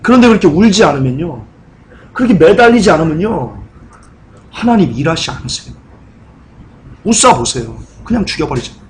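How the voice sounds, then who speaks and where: A man preaching a sermon in a church, asking the congregation questions and rising into high, pleading cries. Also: sing-song, a little fast, pauses often, a little hiss or hum. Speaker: pastor. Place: church sanctuary.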